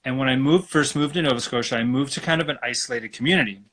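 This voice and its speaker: A man from Alberta, Canada, talking as a guest acupuncturist in a relaxed, rambling way over a video call. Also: mid-range voice, fast. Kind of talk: casual live-stream interview.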